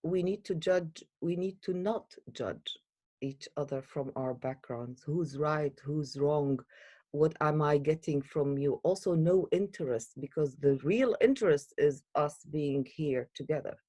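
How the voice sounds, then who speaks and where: A woman from Iraq, a guest in an interview, speaking earnestly and hesitantly with many pauses and fillers. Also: low voice, mellow, no echo.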